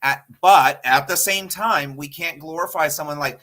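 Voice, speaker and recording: A man in his thirties co-hosting a casual podcast panel, talking in a blunt, animated way and swearing freely. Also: a little high, normal speed. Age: 30s. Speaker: podcast co-host.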